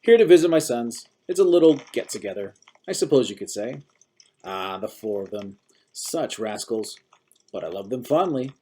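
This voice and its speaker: A man's voice: medium pitch, lively intonation, normal speed, mellow, husky. A man voicing a cheerful, nosy older man who makes overly optimistic small talk at a bus stop in a read-aloud story. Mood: chirpy, chatty. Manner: overly optimistic, busybody chatter.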